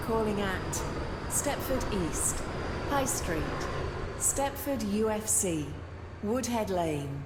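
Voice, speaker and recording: Echoey woman's station loudspeaker announcement. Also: medium pitch, very noisy. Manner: measured, even recorded announcement cadence. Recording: echoey, reverberant station hall.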